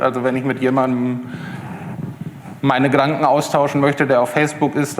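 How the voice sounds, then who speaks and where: A man's voice: a little high, slight background noise. Man giving a talk in an echoey hall. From Berlin. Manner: hesitant, many fillers and restarts. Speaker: conference speaker. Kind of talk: live tech talk. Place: lecture hall with audience. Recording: echoey hall with long reverb.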